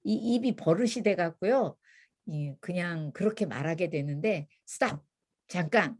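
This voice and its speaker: An older woman teaching a church parenting class, telling stories in a lively way and acting out what people said. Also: on the low side, normal speed. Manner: lively storytelling, acting out quotes. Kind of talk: church parenting lecture with anecdotes.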